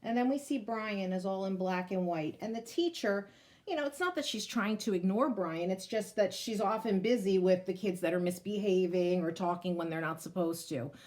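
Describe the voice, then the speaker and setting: Like a teacher, a woman reads a picture book expressively to children, explaining it and turning to speak to them directly in asides. Her medium-pitched voice is a little mellow and moderately paced.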